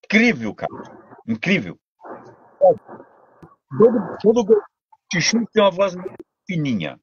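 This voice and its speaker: An older man with a Brazilian Portuguese accent, a voice actor and dubbing director telling stories in a casual interview, animated and full of restarts. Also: high-pitched, measured pace, muffled recording, a little hiss or hum. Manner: animated storytelling, many restarts.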